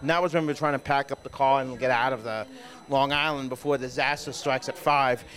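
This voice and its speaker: A man's voice: mid-range voice, fairly even intonation, fast, a bit bright. A young man hosting a casual convention recap, rambling with fillers and restarts. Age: young adult. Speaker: host.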